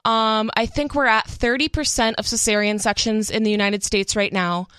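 Woman radio co-host, clear smooth tone, slightly high, earnest explainer, dry studio sound. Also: steady tone, moderate pace, fairly bright tone, no room sound. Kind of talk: casual talk radio chat. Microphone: studio microphone.

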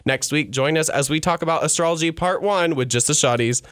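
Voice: mid-range voice, fairly quick. A podcast host in casual chat, reading the sign-off and plugging the show's contact details. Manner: lively, reads sign-off lines.

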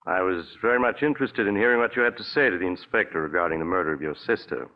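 An actor with an American accent playing a shrewd, accusing doctor-investigator in a 1940s radio drama, deliberate and pointed. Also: male voice, low-pitched. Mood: probing. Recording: muffled old radio recording.

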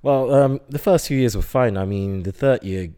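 A man's voice: medium pitch, moderate pace, dark tone, smooth. A man in his twenties from Singapore, a chemistry student chatting casually in an interview, hesitant with many fillers. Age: 20s.

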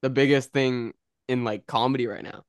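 A young man co-hosting a podcast in casual chat, telling stories in an animated way and laughing often. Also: medium pitch, moderate pace, smooth, no room sound, studio quality. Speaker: podcast co-host.

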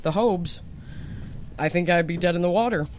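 A man co-hosting a podcast, rambling through animated stories in casual chat. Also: high-pitched, moderate pace, a little hiss or hum. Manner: animated storyteller, rambling asides.

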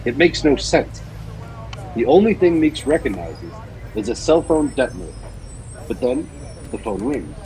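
A man co-hosting a podcast, talking in a relaxed conversational storytelling register. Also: mid-range voice, measured pace, pauses often, rough recording. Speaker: podcast co-host. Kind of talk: casual chat and dramatic story reading.

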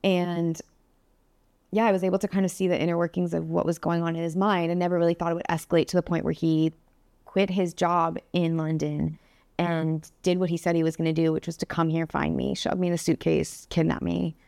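Low, flat-voiced woman telling her story. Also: a little fast, creaky, dry recording. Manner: earnest, candid, many fillers. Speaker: podcast guest. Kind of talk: interview storytelling.

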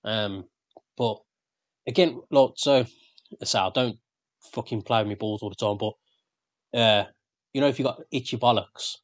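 A man's voice: fairly low pitch, unhurried, long pauses, no room sound. A man, co-hosting a podcast in casual banter, rambling and swearing freely. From England. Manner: sweary, rambling, laughs often. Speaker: podcast co-host.

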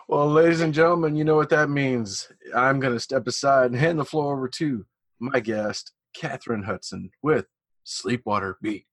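A man's voice: mid-range voice, moderate pace, no echo. A man with a Missouri accent, a twang, chatting casually and effusively as the host of an interview podcast.

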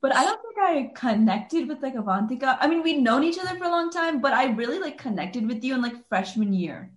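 Young female podcast guest, rambling casual talker, slightly high voice, echoey room. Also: big pitch swings, fairly quick. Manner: rambling, frequent "like" fillers. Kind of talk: casual chat.

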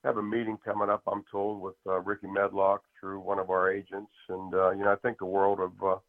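A man from a band, a guest talking in a folksy, rambling way full of fillers, heard over a tinny phone line. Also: low voice. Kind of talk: casual interview chat.

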